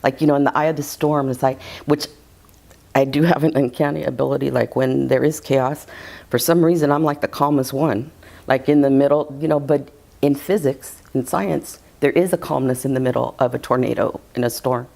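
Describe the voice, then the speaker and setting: A woman's voice: very deep voice, steady tone, moderate pace, gravelly, darkish tone. Woman client describing her session to an interviewer: chatty, loose, laughing as she talks. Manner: rambling, chatty, giggly, with many restarts. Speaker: reiki client giving a testimonial. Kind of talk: casual interview testimonial.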